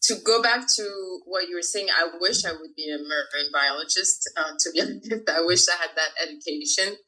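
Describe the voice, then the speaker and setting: A woman's voice: on the low side, fairly quick, bright, forceful tone, poor audio. A woman in her thirties from France, a freediver talking casually as an interview guest, chatty with frequent laughs and fillers. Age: 30s.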